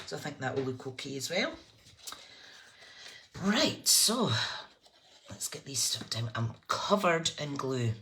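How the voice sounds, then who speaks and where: Female craft livestream host, broad Scottish accent, deep register, informal and chatty, light background noise. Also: fairly bright tone. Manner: informal, chatty, thinking aloud while working. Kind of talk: casual live craft tutorial, chatting to viewers. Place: indoors at a craft table. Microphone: phone above the desk. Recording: clear background noise, clicks of handling.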